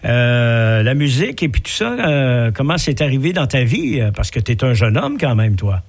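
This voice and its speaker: Un animateur de radio québécois qui mène une entrevue sur un ton détendu et blagueur. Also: male voice, mid-range voice, sing-song, normal speed. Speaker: radio host. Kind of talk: casual radio interview.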